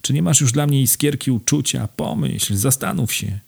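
A man's voice: mid-range voice, lively intonation, normal speed, vocal fry, darkish tone, husky, voice pushed up, full character voice. A man reading aloud and voicing a passionate young woman who begs her friend with rising emotion. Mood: pleading. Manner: imploring, emotional.

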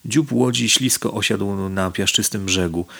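A man reads a novel aloud in a steady, measured narration. His voice is low with a gravelly grain. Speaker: audiobook narrator. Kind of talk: novel reading.

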